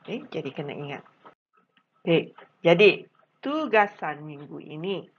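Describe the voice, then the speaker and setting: A woman's voice: low voice, big pitch swings, measured pace, husky, highs cut off. A woman teacher speaking Malaysian Malay, giving a patient recorded lesson to special education students, repeating her points with frequent fillers.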